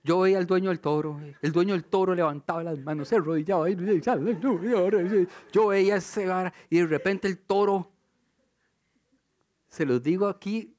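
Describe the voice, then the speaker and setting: High-voiced Costa Rican preacher. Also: male voice, steady tone, moderate pace. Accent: Costa Rican Spanish. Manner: storytelling with rhetorical questions, shifting between loud and hushed. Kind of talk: sermon.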